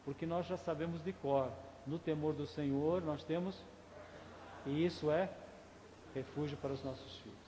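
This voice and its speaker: A man's voice: fairly high pitch, fairly even intonation, normal speed, dark tone, a little hiss or hum. A male pastor with a Brazilian Portuguese accent preaching a conversational sermon, often asking the congregation questions. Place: church sanctuary. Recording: echoey church hall, faint ambience.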